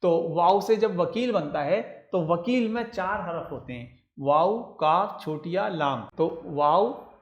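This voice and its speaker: A man's voice: sits high, expressive, measured pace, hardly any pauses, highs cut off. A man teaching a children's writing lesson, patiently spelling out letters one by one and repeating each step. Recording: roomy echo.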